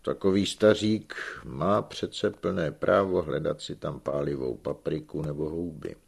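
A man's voice: a bass voice, a little mellow, heavily acted. A man reading the part of a sly, shrewd old peasant uncle who teases and scolds his young nephew in an audiobook. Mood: gruff. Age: older. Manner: teasing, gruff, scolding.

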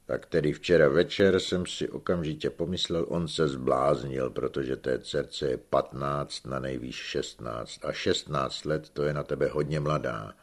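A man's voice: very deep voice, steady tone, few pauses. A man reading the part of a sly, shrewd old peasant uncle who teases and scolds his young nephew in an audiobook. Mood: teasing. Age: older. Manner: teasing, gruff, scolding.

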